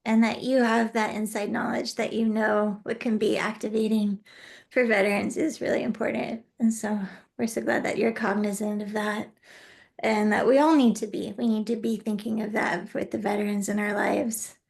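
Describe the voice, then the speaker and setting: A woman's voice: medium pitch, flat delivery, normal speed, vocal fry. A woman hosting a panel meeting, affirming and encouraging the speakers. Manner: warm, affirming. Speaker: meeting host.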